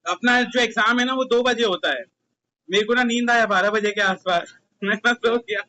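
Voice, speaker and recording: A man's voice: high-pitched, moderate pace, pushed and bright, lo-fi sound, slight background noise. A young Indian man, a commerce tutor, talking casually with his class and teasing his students.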